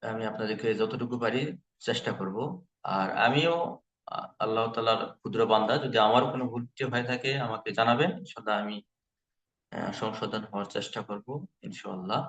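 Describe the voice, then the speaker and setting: A man teaching Quran recitation in an online lesson, patiently repeating each letter sound slowly for learners. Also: on the low side, fairly even intonation, a bit bright, reverberant, dull audio.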